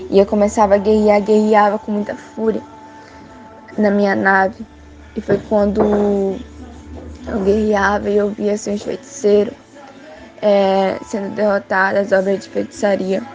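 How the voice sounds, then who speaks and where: A woman's voice: medium pitch, mellow, muffled recording. Young woman telling a church vision. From Brazil. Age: young adult. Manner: halting, repetitive, many restarts and fillers. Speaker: church member giving testimony. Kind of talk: spoken testimony of a vision.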